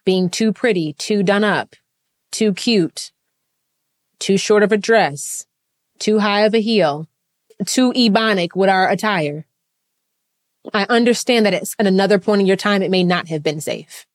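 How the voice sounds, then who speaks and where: A woman's voice: medium pitch, unhurried, pauses often. A woman business coach giving an impassioned, repetitive motivational talk, swearing freely.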